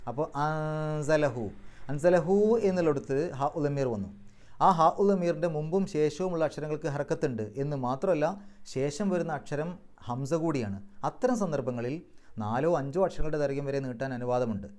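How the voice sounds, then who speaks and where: A man giving a religious lesson, explaining recitation rules step by step and slowly chanting example words. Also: fairly high pitch, a little mellow. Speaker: Quran teacher.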